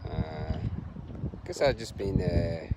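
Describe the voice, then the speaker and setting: Jogging along a park trail, a long-distance runner and vlogger films himself with a handheld camera, musing softly in a casual, reflective way and halting with many pauses. His voice is low with lively intonation, and the outdoor recording has noticeable background noise.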